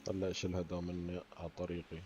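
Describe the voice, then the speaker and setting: Deep, very fast Gulf Arabic man. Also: monotone, over music. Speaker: gaming streamer. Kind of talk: casual game commentary.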